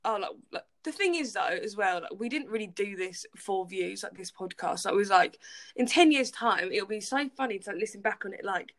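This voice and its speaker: A woman's voice: mid-range voice, expressive, a little fast, a bit bright. A young woman, co-hosting a podcast, blunt and rambling, with lots of "like" and some swearing. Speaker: podcast co-host. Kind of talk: casual chat.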